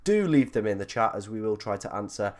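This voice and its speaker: A man hosting a casual livestream with a croaky, froggy voice from being ill, chatting informally and a little self-deprecatingly. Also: on the low side, big pitch swings, a little fast. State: ill, under the weather. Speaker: livestream host.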